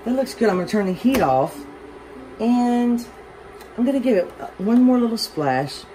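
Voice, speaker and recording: A home cooking vlogger with a Southern accent chats casually while cooking, rambling and poking fun at herself. Her voice is a little high and expressive at a moderate pace. An overhead camera over the stove films her in a home kitchen, where a loud fan makes it noisy.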